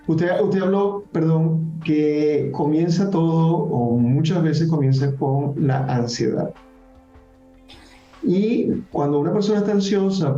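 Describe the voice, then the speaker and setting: A man's voice: a little high, warm tone, roomy sound, lo-fi sound. A man with a Puerto Rican accent hosting a health talk show, rephrasing points and checking with his guest. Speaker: host.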